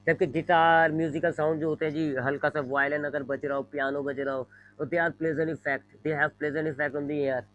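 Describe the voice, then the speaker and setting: A man's voice: on the high side, little pitch movement, normal speed, a bit bright, no echo, highs cut off. Man lecturing physics with speech. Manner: explains with repeated examples, frequent "जी", mixes English terms; draws on a board while talking. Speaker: physics teacher. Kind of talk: classroom lecture. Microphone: microphone.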